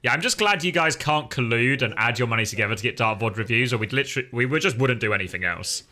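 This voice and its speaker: A man live-streaming casual reactions to an esports match and chatting with viewers, wry, sweary and excitable. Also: mid-range voice, fast talker.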